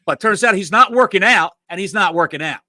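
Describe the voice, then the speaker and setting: A man's voice: sits high, animated, brisk, bright, forceful tone, no room sound. A man co-hosting a podcast, explaining things in a dry, matter-of-fact way in casual chat. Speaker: podcast co-host.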